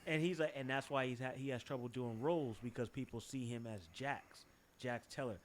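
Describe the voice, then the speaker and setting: A young man with a Boston accent co-hosting a podcast in casual chat, animated and profane, jumping from topic to topic. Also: medium pitch, fairly quick, slight background noise. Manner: animated, swearing, jumps from topic to topic. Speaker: podcast co-host.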